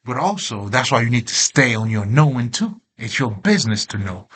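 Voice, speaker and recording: Man, casual spiritual monologue host, rambling and slangy, bright tense tone, mid pitch. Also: expressive, moderate pace, slightly rough. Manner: rambling, streetwise, lots of slang and fillers; laughs often, openly emotional. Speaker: self-help channel host.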